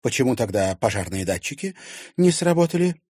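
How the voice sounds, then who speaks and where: In an audiobook, a flustered middle-aged woman played by a man fires off agitated, gasping questions. The voice sits raised above a dark, husky natural timbre, with lively swings in pitch. Dry, close reading. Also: brisk, dry recording. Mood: alarmed.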